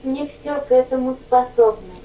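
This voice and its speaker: A female text-to-speech robot voice reading autobiographical notes in an even, mechanical way. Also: sits high, moderate pace, echoey room, distant mic, soft background music, low-quality recording.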